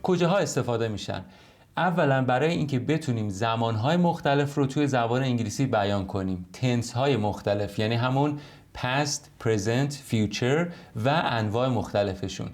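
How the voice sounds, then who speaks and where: Male language teacher at home. Patient explainer who slows right down for the English examples, with a mid-range voice. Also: medium pitch. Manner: explains in Persian, reads English examples slowly and carefully. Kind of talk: online language lesson. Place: home recording.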